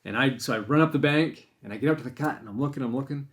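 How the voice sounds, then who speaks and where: A man's voice: medium pitch, racing. A man telling a hunting story on a podcast in a loose, rambling way. He restarts his sentences often and voices his own thoughts as he goes. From Maine. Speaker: podcast host and deer hunter. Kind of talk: casual storytelling chat.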